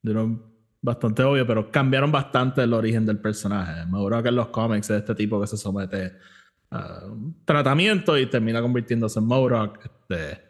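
A man's voice: on the low side, moderate pace. A man hosting a casual movie chat, switching between Spanish and English mid-sentence. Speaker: podcast host.

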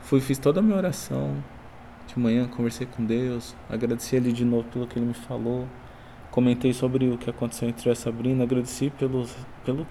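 A man's voice: medium pitch, fairly even intonation, fast, dark tone, a little hiss or hum. A man, married with children, sharing an emotional personal testimony about prayer in a reflective, repetitive way. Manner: reflective, repeats himself, many "né?" tags.

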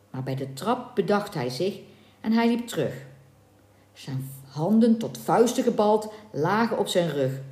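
A woman reading a legend aloud in a scripted storybook narration, dramatic and expressive. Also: on the low side. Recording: echoey room.

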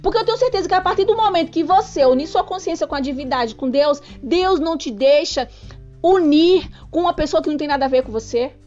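Earnest high-voiced woman preaching. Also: expressive, fast talker, a little mellow. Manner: earnest, preachy, speaks straight to the listener. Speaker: podcast host. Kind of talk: spiritual self-help talk. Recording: dull lo-fi sound with faint music.

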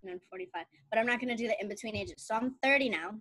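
Racing along in a fairly high, fairly bright voice, a thirtysomething podcast co-host tells bubbly stories and laughs a lot during casual conversation. The recording has no echo.

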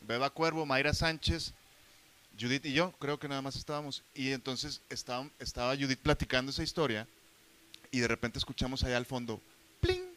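Mexican man, casual storyteller, bright forceful tone, slangy, acts out quotes, male. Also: mid-range voice, fairly even intonation, fairly quick. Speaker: actor telling a story.

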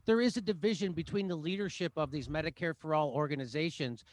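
A man who hosts his own show, making a point in a hurried way with stumbling repetitions. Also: on the high side. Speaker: political show host guest. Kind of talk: casual political discussion.

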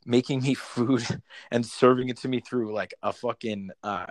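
A man's voice: medium pitch, fairly even intonation, moderate pace, no echo. A young man chatting casually from his bedroom at home, rambling, swearing freely and laughing often. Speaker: musician guest. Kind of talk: casual podcast chat.

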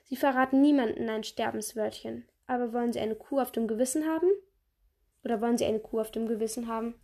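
A woman's voice: fairly high pitch, fast talker, dark tone. A woman voicing a stern, fiery female neighbor who scolds firmly, read from a storybook. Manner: scolding, firm.

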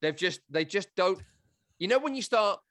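Football pundit with a lively, slightly high voice, dry close mic. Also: male voice, moderate pace, no echo. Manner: animated, joking, scathing. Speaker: football podcast host. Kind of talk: casual football chat.

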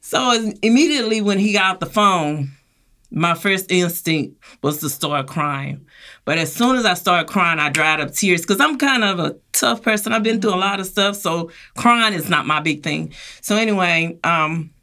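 Woman, gravelly, bright edge, animated storytelling, acts out voices. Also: fairly low pitch, moderate pace. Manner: acts out quoted voices, laughs while telling. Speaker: guest sharing her experience.

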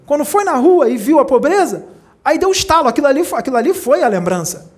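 A spiritual teacher gives a talk to a small group, telling stories animatedly and acting out the voices of the people in them with big jumps in pitch. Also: quick pace. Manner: animated storyteller, acts out quoted voices with big pitch leaps.

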